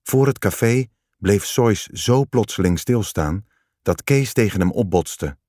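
A man reading a story aloud in calm, measured scripted narration. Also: on the low side, dry recording, studio quality.

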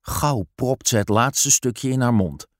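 A man narrating a children's story aloud in a slow, expressive storytelling manner. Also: medium pitch, no room sound, clean studio sound.

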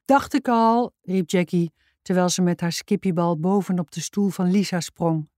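A woman's voice: on the low side, flat delivery, normal speed, dark tone, dry recording, studio quality. A woman reading a children's book aloud in a careful storytelling manner. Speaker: storybook reader.

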